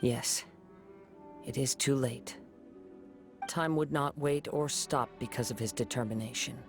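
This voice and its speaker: An actor voicing a calm, thoughtful young wandering swordsman in a video game, speaking in a measured, gentle way. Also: medium pitch, music in the background, natural voice. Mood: reflective.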